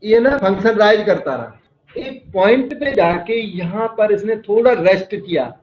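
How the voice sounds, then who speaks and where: A man's voice: sits high, expressive, a little slow. A male maths teacher giving a lecture in a classroom, explaining step by step and quizzing his students. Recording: echoey room, slightly dull sound.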